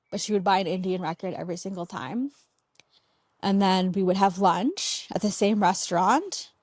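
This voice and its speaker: A woman's voice: mid-range voice, no echo, clean studio sound. Chatty young woman telling family stories. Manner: chatty, many "like" fillers, recounting family memories. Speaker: guest. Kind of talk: casual storytelling interview.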